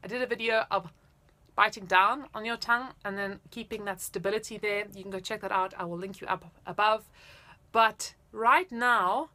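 A woman's voice: medium pitch, fairly even intonation, brisk, bright, forceful tone. A woman in her thirties giving casual, explanatory and encouraging music instruction to camera. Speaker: flute teacher. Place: indoors, small room at home.

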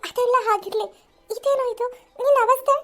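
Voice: very high voice, fairly even intonation, a little fast, a bit bright. A performer voicing a weepy, possessive young woman in a home-made cartoon. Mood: fussing. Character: fretful young woman, Bharat's bride-to-be.

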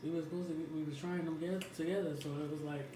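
A woman's voice: sits low, fairly even intonation, fast talker, mellow. American woman chatting, distant and echoey. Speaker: companion in a mukbang video. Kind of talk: casual chat. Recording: distant, echoey, clearly noisy room.

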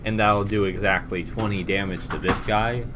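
A young man with a fairly low voice walks through his card game turn step by step. He sits in a busy game store, heard from a distant camera with clear crowd chatter behind. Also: fairly even intonation, normal speed. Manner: methodical, narrates his moves step by step. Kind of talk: casual talk through game turns.

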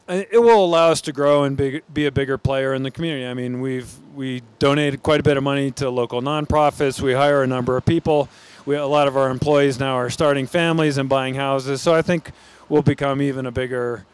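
Middle-aged American man, brewery founder type, mid-pitched smooth voice, thoughtful, interviewed with a handheld mic among steel tanks. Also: steady tone, brisk, few pauses. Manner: thoughtful, with frequent restarts. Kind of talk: on-camera interview.

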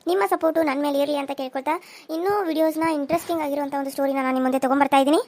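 A woman's voice: high-pitched, steady tone, very fast, darkish tone. A woman hosting a cartoon story channel, chatting to viewers and asking them to subscribe. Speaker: channel host. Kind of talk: channel intro.

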